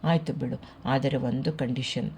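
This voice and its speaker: A narrator voicing a lovesick, sulky young husband. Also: male voice, medium pitch, steady tone, a little slow, a little mellow, slight background noise, lightly acted. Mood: sulking.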